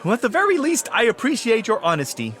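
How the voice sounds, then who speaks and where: An actor playing a fussy, bookish fantasy scholar in a comic audio drama, speaking in pompous, formal, melodramatic sentences. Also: male voice, extremely high pitch, huge pitch swings, quick pace, a bit bright, heavily acted. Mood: dry, curious. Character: fussy, bookish, wounded young-sounding male fantasy scholar, snide.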